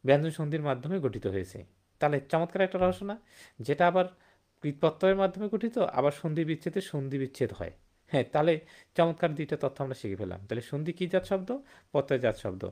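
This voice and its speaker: A man's voice: fairly high pitch, darkish tone. Man, grammar teacher, online class, rhetorical check-ins, repeats key terms. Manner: rhetorical questions with "hum?" and "thik na?"; repeats and stresses key words. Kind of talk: online Bengali grammar lesson.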